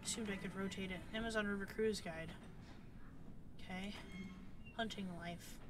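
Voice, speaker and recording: A woman's voice: medium pitch, fairly even intonation, normal speed, background noise. A woman streaming a horror game, talking to the screen in a jittery way and yelping and repeating words in panic. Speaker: gaming streamer. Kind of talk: horror gameplay commentary.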